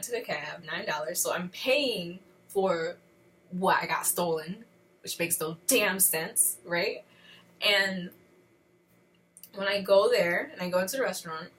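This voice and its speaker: A young adult woman vlogging, telling a story in a casual, animated, chatty way. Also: medium pitch, slight background noise. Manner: animated, chatty, acts out dialogue.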